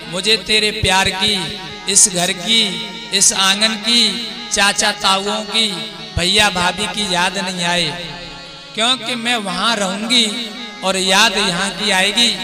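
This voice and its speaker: A man voicing a devoted young bride who gently consoles her mother in a devotional sermon story. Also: high voice.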